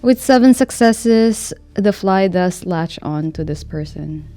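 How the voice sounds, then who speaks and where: A woman narrating a tabletop role-playing game as game master, unhurried and full of pauses. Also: fairly low pitch, animated, dark tone, soft background music. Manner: slow, unhurried, with fillers.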